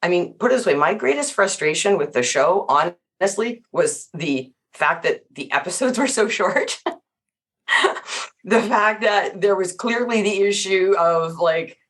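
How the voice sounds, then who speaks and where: A middle-aged woman, a guest on a casual podcast discussion, animated and emphatic, with many fillers and restarts. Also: mid-range voice, a little slow.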